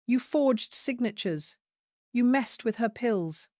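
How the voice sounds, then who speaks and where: A woman voicing a scheming adult daughter-in-law who talks sharp and demanding, rising into shrieks. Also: on the high side, animated, slow pace, no echo, clean studio sound, voice pushed up. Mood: shrieking.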